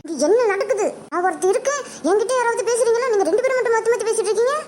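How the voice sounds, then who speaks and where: Woman doing a very high fast-talking cartoon girl. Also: a little mellow, a little hiss or hum. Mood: complaining. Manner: complaining, teasing. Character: chatty teen girl friend, loud and sulky. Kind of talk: cartoon voice acting.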